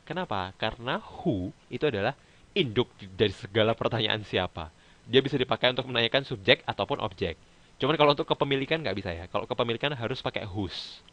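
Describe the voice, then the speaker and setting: A man's voice: mid-range voice, a bit bright, low-quality recording. A man teaching an English grammar lesson to students over a video call, explaining patiently step by step and checking that they follow. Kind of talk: online class teaching.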